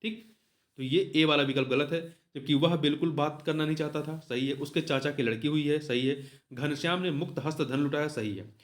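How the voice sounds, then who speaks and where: A man's voice: fairly high pitch, moderate pace. A man explaining exam test answers as a tutor, repeating each answer and asking it back as a question.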